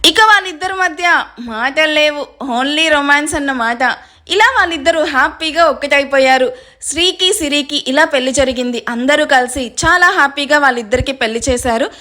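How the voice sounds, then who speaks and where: Woman narrator for a romance serial, high and bright, chatty. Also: normal speed. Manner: chatty, friendly toward listeners. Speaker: storyteller.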